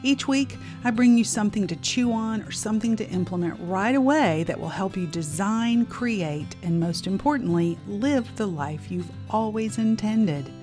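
Expressive woman hosting a podcast. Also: mid-range voice, normal speed, few pauses, faint music behind. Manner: expressive, emphatic, warmly inviting. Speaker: podcast host. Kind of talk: scripted podcast monologue.

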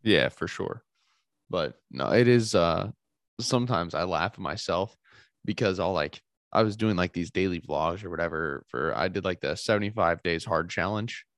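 A man, co-hosting a casual chat in a relaxed, rambling way, with "like" fillers and some mild swearing. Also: low voice, normal speed, no room sound, studio quality. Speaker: podcast co-host.

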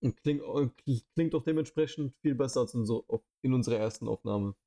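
Mellow-voiced young man on a headset. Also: mid-range voice, a little fast. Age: 20s. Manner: rambling, casual, many fillers. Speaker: podcast co-host. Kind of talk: casual podcast chat. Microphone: headset microphone.

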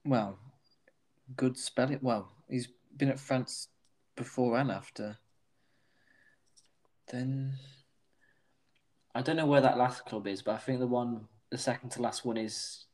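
A man's voice: mid-range voice, takes it slowly, pauses often, darkish tone. Hesitant man thinking aloud through guesses. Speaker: quiz contestant. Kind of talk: casual football quiz chat.

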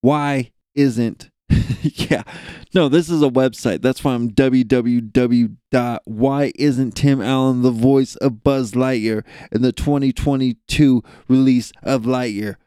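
A man's voice: medium pitch, fairly even intonation, slow, dark tone, clear, resonant tone, no room sound, studio quality. A young man co-hosting a podcast, ranting in a profane, rambling, jokey way. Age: young adult. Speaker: podcast co-host. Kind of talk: casual rant.

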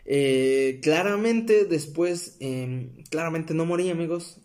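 A man's voice: on the high side, slow pace, darkish tone. A young man with a Mexican accent casually telling a personal story to his viewers, rambling with fillers and self-corrections and calling them friends. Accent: Mexican Spanish. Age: young adult. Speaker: vlogger.

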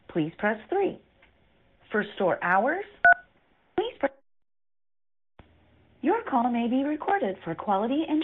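A woman reading scripted menu prompts in measured, evenly paced announcements on an automated phone menu recording, heard over a phone line. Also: on the high side, husky.

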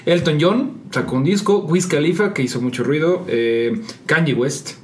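A man's voice: a little high, animated, moderate pace. A man with a Mexican Spanish accent chatting casually as a podcast panelist, swearing and using plenty of slang. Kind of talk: casual banter on a pop culture recap. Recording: faint background noise.

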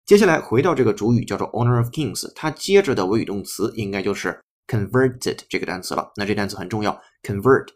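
A man's voice: fairly low pitch, animated, a little mellow. Patient man teaching English word by word. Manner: slow, patient, spells words letter by letter. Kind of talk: explaining a text line by line.

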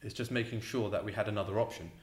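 Speaking as a guest, this male restaurant co-owner fields interview questions loosely and haltingly, full of ums and repeated words. He has a lowish voice and talks at a racing speed, captured with a roomy echo.

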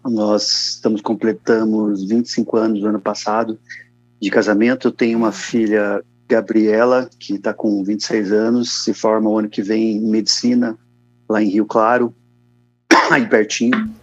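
A man in his fifties with a São Paulo Brazilian Portuguese accent gives a casual, slangy personal testimony as an interview guest, coughing again and again. His voice is fairly low with little pitch movement and a moderate pace. The sound is dry, dull and lo-fi.

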